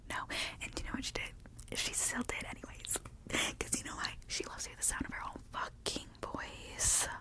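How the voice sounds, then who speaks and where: A young woman whispering a profane, ranting workplace gossip story as ASMR, growing heated, close to the mic. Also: moderate pace. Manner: animated, gets heated. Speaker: ASMR creator. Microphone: close handheld recorder.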